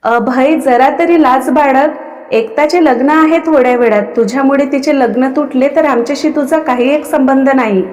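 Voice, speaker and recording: A woman's voice: sits high, moderate pace, a little mellow, close to an everyday voice. Scolding middle-aged uncle, voiced by a woman. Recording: long reverb.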